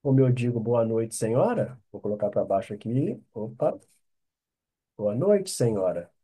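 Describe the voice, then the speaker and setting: A man's voice: medium pitch, very animated, moderate pace, mellow, husky. A Brazilian man with a Brazilian Portuguese accent teaching an online French lesson, patiently drilling phrases and checking with "ok?".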